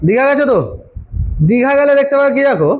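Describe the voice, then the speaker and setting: A man's voice: very high-pitched, animated, quick pace, darkish tone. A man teaching an exam-prep geography class, who keeps firing questions at his students and answering them himself. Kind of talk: informal classroom lecture. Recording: dull lo-fi recording.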